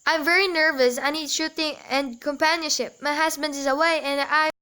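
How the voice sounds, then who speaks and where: A woman's voice: high voice, fairly even intonation, moderate pace, bright, forceful tone. A teen girl playing a fretful, demanding invalid woman. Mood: insistent. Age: teens. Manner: fretful, insistent, rising to panic. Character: nervous, demanding bedridden woman alone at night. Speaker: student actor. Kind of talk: school radio play.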